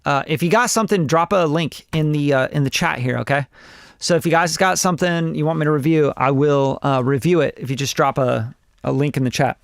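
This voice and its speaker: Reviewing songs during a casual livestream, a Costa Rican producer in his forties rambles bluntly and swears. His creaky, somewhat high voice comes quickly, recorded at studio quality with no room sound.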